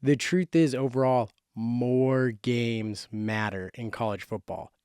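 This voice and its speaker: A man's voice: mid-range voice, fairly even intonation, slow pace, a little mellow, smooth, no room sound, clean studio sound. A man hosting a YouTube sports show from a closet, giving casual, slangy, emphatic commentary in a monologue. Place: small closet indoors.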